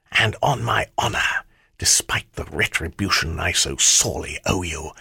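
A man voicing a menacing male shadow spirit who speaks in a slow, hissing whisper full of threat. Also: low-pitched, vocal fry, sharp tone, breathy edge, dry recording, studio quality, full character voice.

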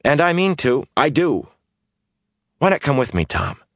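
A man's voice: on the high side, sing-song, a little slow, dry recording, clean studio sound, pitched above the performer's own voice. Man doing restless young gambler, bitter, complaining, lifted voice, jumpy. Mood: pleading. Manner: complaining, agitated.

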